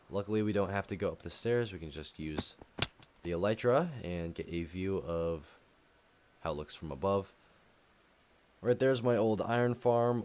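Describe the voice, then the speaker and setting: A young man casually touring his game world, rambling with frequent ums and soft laughs. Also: deep voice. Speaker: gaming YouTuber. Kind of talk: casual game tour commentary.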